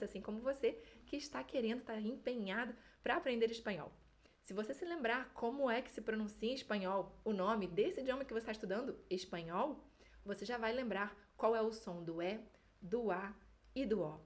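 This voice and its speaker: A woman with a Rio de Janeiro accent teaching a Spanish pronunciation lesson, modelling sample words slowly and with exaggeration. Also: on the high side. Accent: Rio de Janeiro Brazilian Portuguese. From Brazil.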